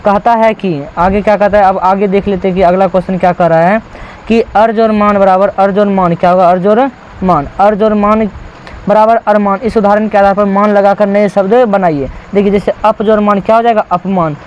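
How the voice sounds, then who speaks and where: A man's voice: high voice, steady tone, brisk, lo-fi sound, a little hiss or hum. A man from India teaching a textbook lesson, repeating key words and asking the class rhetorical questions.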